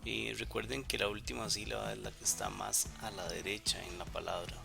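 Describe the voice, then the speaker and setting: A man teaching a recorded lesson, explaining exercises step by step with frequent "eh" pauses and checking tag questions. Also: fairly low pitch, fairly even intonation, creaky, over music.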